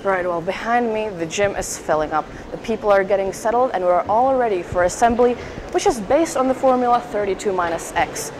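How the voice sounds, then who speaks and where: A woman's voice: medium pitch, fairly quick, background noise. A teenage girl from the Czech Republic, a student guiding a school tour in a chatty, lightly humorous way. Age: teens.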